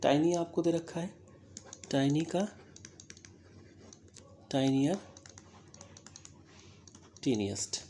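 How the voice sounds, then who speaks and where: A teacher with an Indian English accent explaining English grammar step by step, talking slowly and deliberately, spelling words out letter by letter and often checking understanding. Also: mid-range voice, lively intonation, warm tone, slight background noise. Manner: slow, deliberate, checks understanding with frequent "theek hai". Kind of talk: recorded classroom-style grammar lesson.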